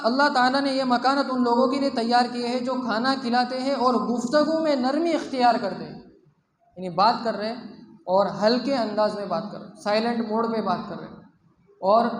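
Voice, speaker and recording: A man with a very high voice preaches a sermon in a hall with long, roomy echo. He keeps asking questions of his listeners and answering them himself, and he weaves Arabic quotations into plain talk. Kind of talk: Islamic sermon. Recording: echoey hall, faint background noise.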